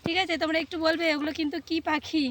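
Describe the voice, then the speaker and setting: A woman's voice: very high voice, flat delivery, very fast, fairly bright tone, a little hiss or hum. A young woman talks straight to her viewers in a casual, chatty way while she cuts rice. She is recorded outdoors in an open field on a phone camera, and faint rural sounds and birds come through behind her. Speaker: vlogger. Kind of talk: casual vlog narration. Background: faint rural outdoor ambience, birds.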